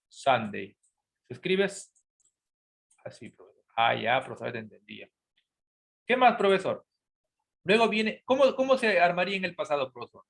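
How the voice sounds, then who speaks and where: A man teaching English grammar to students. He asks questions, then answers them himself as an imagined student, and his voice trails off softly at the end of those replies. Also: a little high. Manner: spells out each word and repeats each rule.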